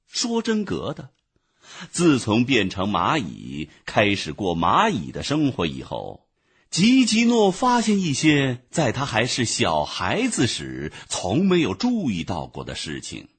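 Male storyteller with a husky voice and a very lively, sing-song delivery. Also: medium pitch, unhurried. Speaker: narrator. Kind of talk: storybook narration.

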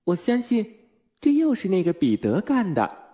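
A man's voice: sits high, huge pitch swings, a little slow, mellow, pitched above the performer's own voice, full character voice. A man voicing a carefree young girl who speaks in a light, unconcerned tone.

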